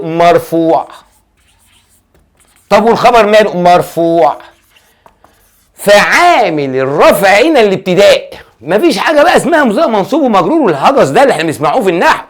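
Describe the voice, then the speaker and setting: Egyptian male teacher with lively intonation. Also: sits high. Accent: Egyptian Arabic. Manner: quizzes aloud and answers his own questions. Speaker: Arabic grammar teacher. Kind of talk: classroom grammar lesson.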